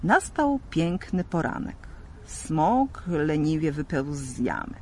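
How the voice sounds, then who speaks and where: A man narrating a legend as a lively, expressive storybook reading. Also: fairly high pitch, takes it slowly, a little hiss or hum.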